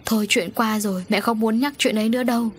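A woman's voice: a little high, fairly even intonation, fast, slight background noise, pitched above the performer's own voice, close to an everyday voice. A woman voicing a grieving middle-aged mother who was once homeless and mad, speaking emotionally. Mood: tearful. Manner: emotional, pleading.

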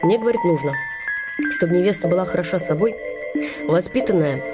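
An actress playing a chatty, bustling older matchmaker who flatters, exclaims and gossips in a staged play. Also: female voice, fairly low pitch, fairly quick, loud music behind the voice, lightly acted. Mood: gossiping. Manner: gossipy, animated, exclaiming, mimics others.

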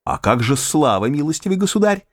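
A playful, adoring young woman, as a male audiobook narrator puts her on, her voice lifted high and lilting, soft and eager, swooping widely through each line. The sound is dry and close. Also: sing-song, normal speed, dry recording. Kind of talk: audiobook character reading.

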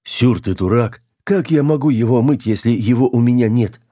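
A man's voice: mid-range voice, moderate pace, warm tone, close to an everyday voice. A man reading an audiobook, voicing a panicked young woman stuck in a man's body, tearful, pleading and close to hysteria. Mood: panicky pleading.

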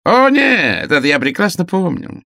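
Man putting on a stilted young invalid, formal and condescending, raised pitch, dry close sound, storybook reading. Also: big pitch swings, normal speed, pushed and bright, dry recording, exaggerated voice. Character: pompous young male invalid, stiffly formal.

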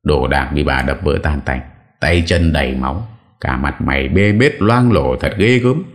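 Brief: male narrator for a spooky audio story, very low voice, steady and dramatic. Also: normal speed. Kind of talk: scripted horror story narration.

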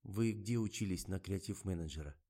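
A man's voice: low-pitched, brisk, mellow. A man voicing a naive, earnest young male assistant in an audiobook, speaking plaintively. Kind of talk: audiobook character voice.

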